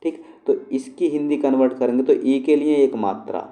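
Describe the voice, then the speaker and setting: Dark-voiced man teaching spelling. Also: mid-range voice, fairly even intonation, normal speed. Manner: explains patiently, with frequent check-ins to the class. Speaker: shorthand and typing teacher. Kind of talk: spelling lesson walkthrough.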